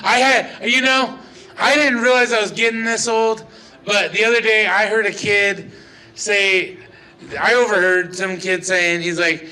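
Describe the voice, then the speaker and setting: A man's voice: high-pitched, steady tone, a little slow, sharp tone, low-quality recording. A young man doing a rambling, profane stand-up set on a small bar stage, often laughing at his own jokes. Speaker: stand-up comedian. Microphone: old-style handheld stage mic.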